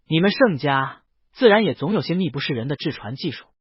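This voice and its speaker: A male reader acts as a shrewd, teasing lord of an auction house, sounding assured and explanatory. His delivery is measured, his pitch animated, and his voice slightly husky. The recording is dry and dull.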